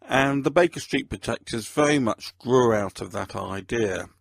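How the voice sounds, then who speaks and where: In a dry recording, a man who works as an author and host looks back on his own books. His mid-range voice is gravelly and husky, and he chooses his words with measured deliberation.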